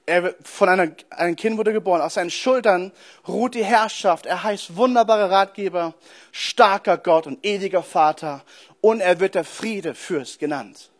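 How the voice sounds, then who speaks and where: A man's voice: high-pitched, normal speed. A man giving a conversational sermon, telling stories animatedly and speaking straight to his listeners. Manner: animated storytelling, addresses listeners directly. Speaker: preacher.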